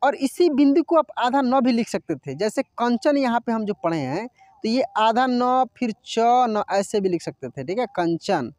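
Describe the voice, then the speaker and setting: A man teaching a Hindi lesson, explaining patiently and reading each word slowly twice for learners. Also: very high voice, lively intonation, a little mellow, dry recording, studio quality. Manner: slow drawn-out reading of words for learners; explanatory, repeats words twice.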